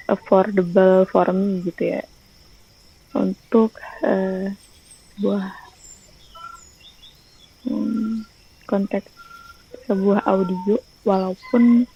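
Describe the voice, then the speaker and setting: A woman's voice: medium pitch, highs cut off, slight background noise. A young woman, a teacher and YouTuber, chatting casually in a rambling vlog with lots of fillers, recorded on a phone. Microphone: phone rear camera.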